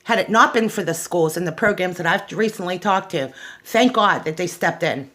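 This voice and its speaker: An American woman hosting a personal awareness show delivers an unscripted testimonial monologue, outspoken, aggrieved and emphatic, repeating phrases for stress. Her voice is lowish, pushed and bright, at normal speed, with soft music in the background.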